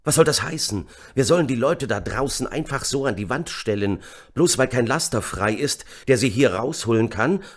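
A man voicing a horrified young soldier who shouts in disbelief, raised well above his own deep voice. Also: lively intonation, normal speed, natural voice. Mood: outraged.

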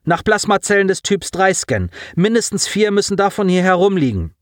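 A man's voice: high voice, sing-song, fairly quick, no room sound, clean studio sound, pitched above the performer's own voice. A man voicing a ruthless female starship commander who barks curt orders in an audiobook. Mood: commanding.

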